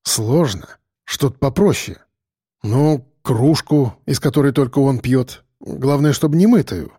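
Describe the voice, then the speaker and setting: A male reader plays a grumbling forensic expert who lays out procedure in a matter-of-fact way. His tone is mellow and the recording is dry and close. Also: medium pitch, unhurried, husky, no echo. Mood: explaining.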